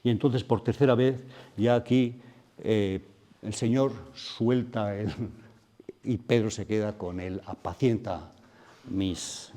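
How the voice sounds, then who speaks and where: A man's voice: fairly low pitch, mellow. A man preaching a sermon at a retreat, reflective and thoughtful, often putting questions to his listeners. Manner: reflective, asks the audience questions. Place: retreat meeting room.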